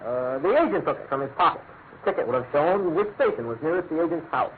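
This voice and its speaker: A man's voice: a little high, expressive, fast, a little hiss or hum, natural voice. Police inspector played by a man, tinny radio. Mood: confident. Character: dutiful, matter-of-fact male police inspector. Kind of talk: classic radio drama acting. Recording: tinny vintage radio, music underneath.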